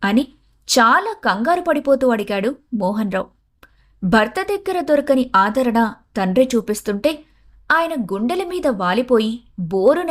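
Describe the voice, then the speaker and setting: Expressive woman storyteller. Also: on the high side. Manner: expressive, dramatic reading. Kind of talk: scripted story narration with voiced characters.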